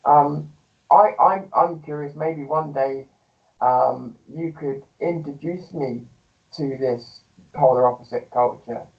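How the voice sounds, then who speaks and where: A man interviewing someone, speaking gently and reassuringly, often stammering as he restarts sentences. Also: a little high, slow, creaky. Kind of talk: candid interview talk. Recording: dull, distant mic.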